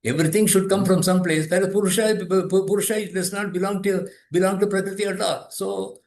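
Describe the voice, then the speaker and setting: A man's voice: high-pitched, fairly even intonation, a little fast, darkish tone. Older man explaining philosophy, roomy sound. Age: 80s. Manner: thoughtful, repeats and restarts phrases. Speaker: guest, yoga teacher and author.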